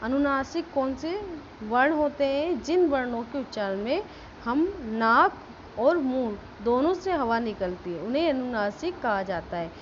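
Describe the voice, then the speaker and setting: Woman teacher going through grammar rules slow and steady, stretches out example words, dull lo-fi sound. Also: high voice, a little hiss or hum. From India. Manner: explains step by step, checks with "ठीक है?"; says example words slowly and stressed. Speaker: school teacher. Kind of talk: grammar lesson.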